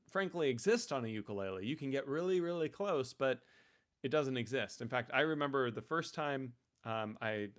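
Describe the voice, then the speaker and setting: Chatty male ukulele teacher on a live stream. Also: medium pitch. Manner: relaxed and chatty, many ums and restarts.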